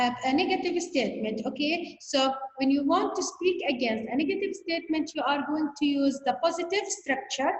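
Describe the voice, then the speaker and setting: A woman teaching an English grammar lesson, explaining patiently and often asking "okay?" to check understanding. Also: high-pitched. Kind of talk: recorded online grammar lesson. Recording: echoey room, long reverb, faint noise.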